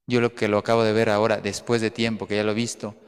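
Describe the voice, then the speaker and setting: A man, a priest, giving a homily in a church, telling a story earnestly, pausing and repeating words. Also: fairly low pitch, level tone, clear, resonant tone. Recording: long church reverb.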